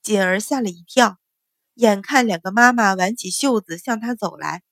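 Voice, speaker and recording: Woman, audiobook narration, steady even reading, dry close sound. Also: medium pitch, normal speed, dry recording. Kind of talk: scripted storybook narration.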